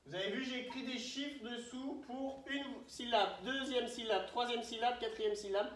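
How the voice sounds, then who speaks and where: A man teaching young children, asking questions and spelling words out slowly syllable by syllable. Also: very high-pitched, fairly even intonation, fairly bright tone, distant mic, slight background noise. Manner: questioning, prompting pupils to answer. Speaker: primary school teacher. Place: classroom. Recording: roomy echo, voice from the mic.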